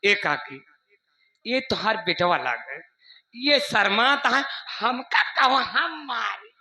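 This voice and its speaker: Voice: mid-range voice, lively intonation, slow pace, gravelly, heavily acted. A performer voicing a meddling village neighbour in a folk stage play, calling out to the others. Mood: egging on. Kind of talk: live folk stage theatre. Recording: roomy stage with loud crowd.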